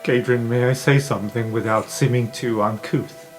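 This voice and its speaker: A man's voice: mid-range voice, fairly even intonation, normal speed, faint music behind, pitched below the performer's own voice, lightly acted. A man playing a courtly, dramatic vampire professor. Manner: formal, overwrought.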